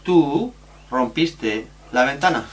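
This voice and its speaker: A man from teaching a recorded grammar lesson, explaining rules slowly and spelling out letters and examples. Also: medium pitch, lively intonation, slight background noise.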